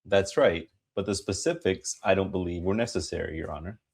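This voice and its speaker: A man giving a dramatic reading of a court transcript as an attorney, formal and emphatic, with a gravelly, husky voice. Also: deep voice, fairly quick, a little mellow. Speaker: reader voicing an attorney in a hearing.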